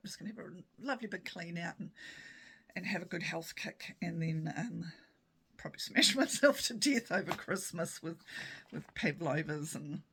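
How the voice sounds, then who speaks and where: A woman's voice: lowish voice, vocal fry, fairly bright tone, slight background noise. A New woman in her fifties, hosting her own podcast in a casual, chatty way, mocking herself and often breaking into laughter. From New Zealand. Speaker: podcast host. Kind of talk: casual chat.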